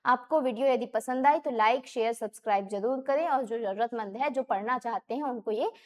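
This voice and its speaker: High-voiced woman teaching exam prep. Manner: explains, repeats terms, asks and answers own questions; reads English questions slowly, then explains in Hindi.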